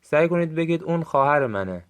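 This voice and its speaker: A man with a Gilaki accent giving a recorded language lesson, saying short phrases slowly and clearly for listeners to repeat. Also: a little high, lively intonation. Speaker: language teacher.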